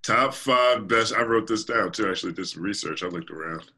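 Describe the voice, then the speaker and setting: A man's voice: lowish voice, fairly quick, sharp tone. A man guest on a podcast, chatting casually and animatedly, laughing often and thinking aloud with fillers. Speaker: podcast guest, hip hop journalist.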